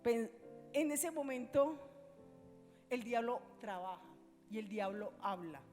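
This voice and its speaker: A woman pastor preaching a sermon, telling a story with passion and moving between loud and hushed delivery. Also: a little high, lively intonation, slow, faint music behind. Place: church. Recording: long reverb of a church hall.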